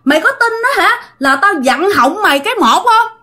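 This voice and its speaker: A woman with a Southern Vietnamese accent voicing a hungry, vengeful female ghost who wails and scolds in a shrill voice. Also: sing-song, normal speed, bright, forceful tone, full character voice. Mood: snarling. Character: hungry vengeful female ghost mother, wailing then snarling.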